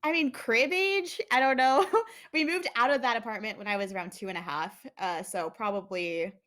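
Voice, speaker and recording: A woman's voice: on the high side, moderate pace, fairly bright tone. A young woman from the United States, a guest in a casual interview, who talks in a chatty way with many fillers and frequent laughs.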